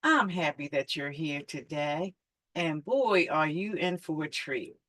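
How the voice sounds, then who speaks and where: An enthusiastic woman hosts an interview. Her voice sits on the low side for a woman. The recording is dry and close, with no room sound. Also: animated, a little slow, fairly bright tone, dry recording. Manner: upbeat, enthusiastic. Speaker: podcast host. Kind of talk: scripted guest introduction and interview questions.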